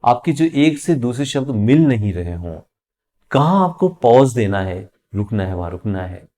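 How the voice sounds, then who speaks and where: A man's voice: medium pitch, very animated, moderate pace, warm tone. Indian man teaching interview skills. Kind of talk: instructional talk to camera.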